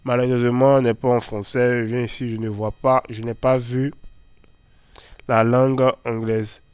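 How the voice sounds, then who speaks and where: A man hosts a screen-recorded walkthrough of phone apps, talking in a loose, chatty way with plenty of fillers and repeated words. His voice is smooth and clean at a middle pitch. He sits close to a dry microphone with no room sound. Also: flat delivery, moderate pace, darkish tone, no echo. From Ivory Coast. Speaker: tech channel host.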